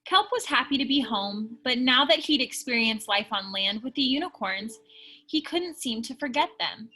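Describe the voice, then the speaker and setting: A woman reading a children's picture book aloud in an expressive storytelling style. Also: on the high side, normal speed. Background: music behind the voice.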